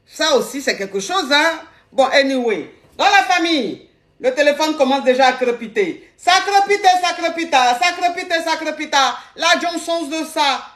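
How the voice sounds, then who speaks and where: A woman's voice: sits high, fairly bright tone. A woman hosting a live call-in advice stream, playful and repeating her phrases.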